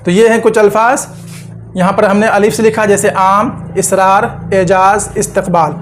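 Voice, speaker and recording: A man's voice: high-pitched, level tone, a little slow, slight background noise. A man teaching an Urdu lesson step by step, patiently repeating words and asking the viewer questions.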